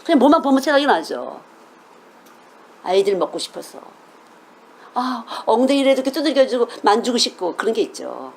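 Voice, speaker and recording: A woman's voice: fairly high pitch, very animated, a little fast, creaky, long pauses, slight background noise. A middle-aged woman preaching a sermon as a children's missionary, earnest and emphatic, often asking her listeners questions.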